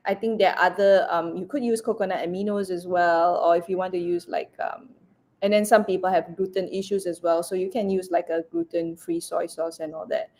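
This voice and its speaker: A woman's voice: mid-range voice, a little mellow. A woman chef chatting as an interview guest, rambling with lots of fillers and restarts, breaking into laughter. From Asia, Cantonese-speaking region. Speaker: raw food chef and cookbook author, guest. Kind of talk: casual interview chat.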